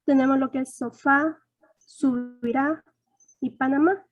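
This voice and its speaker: A woman's voice: high voice, steady tone, a little slow, dry recording, rough recording. A young woman student presenting a lesson topic to her class, reading prepared points with some hesitation.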